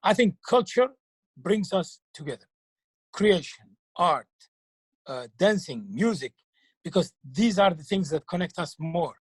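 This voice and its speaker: Husky man, halting and earnest. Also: sits high, expressive, dry recording. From Algeria. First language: French. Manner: earnest, halting, repeats words while searching for them. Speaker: clown and children's TV performer. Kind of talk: interview answers.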